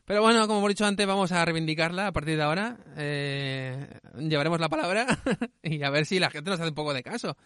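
A man chats casually about films in a high, fast voice. He is lively and acts out the lines he quotes. The sound is close and dry. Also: clean tone, dry recording. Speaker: podcast co-host. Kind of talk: casual film review chat.

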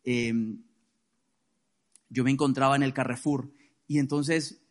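A man's voice: medium pitch, flat delivery, unhurried. A man preaching a sermon, emphatic and leading the congregation in responses. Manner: emphatic preaching, calls for responses, varies volume widely. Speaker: pastor.

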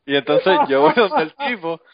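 A man's voice: high-pitched, highs cut off. A man co-hosting a podcast in casual chat, telling stories with frequent swearing and laughter. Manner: profane, storytelling, laughs often.

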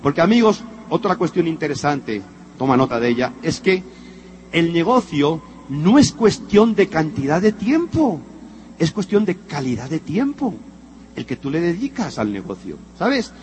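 A man's voice: on the high side, normal speed, a little hiss or hum. A middle-aged man from Spain with a Spanish accent, giving a motivational talk as a story and acting out the dialogue to his audience. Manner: animated storyteller acting out dialogue, addressing listeners directly. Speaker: motivational speaker.

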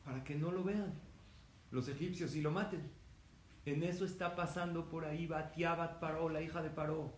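A man's voice: a little high, moderate pace. A man giving a religious lecture, telling stories with energy and putting questions to his audience. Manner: lively storytelling, asks the audience questions. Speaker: rabbi lecturer. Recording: roomy hall with faint noise.

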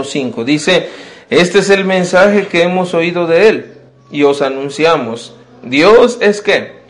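A man's voice: on the high side, a little hiss or hum. A man, a pastor, preaching a sermon to young people in a church, emphatic and full of repeated rhetorical questions. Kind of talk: sermon to youth.

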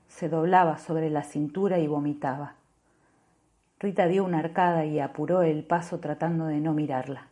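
A woman with an Argentine accent reading a novel aloud as a volunteer audiobook reader, in a measured, expressive way. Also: sits low. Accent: Argentine Spanish.

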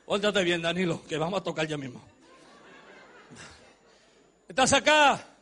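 Male preacher, high, bright and husky voice, dramatic sermon delivery that drops low and then shouts. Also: very animated, a little slow. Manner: swings from hushed to shouting, jokes with the audience.

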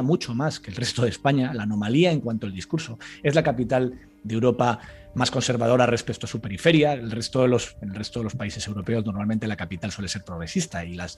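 A man's voice: mid-range voice, husky. A man giving analytical, emphatic commentary on a talk show as a political analyst.

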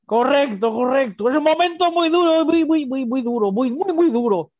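A squeaky bearded puppet, manic. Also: male voice, expressive, moderate pace, no room sound. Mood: mock grief. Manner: shrieks and shouts in bursts, goofy. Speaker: puppet co-host. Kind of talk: comedy puppet banter.

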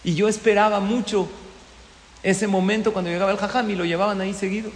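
A man giving a storytelling sermon, an animated teacher who keeps asking his listeners questions. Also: sits high, fast talker. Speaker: religious teacher. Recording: echoey hall with long reverb.

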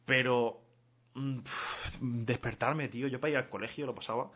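A man's voice: mid-range voice, steady tone, normal speed, a bit bright, a little hiss or hum. A man from Mallorca hosting a live stream, chatting casually with slang and answering viewers' questions. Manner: casual, slangy, laughs a lot. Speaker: streamer host. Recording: dull lo-fi stream audio.

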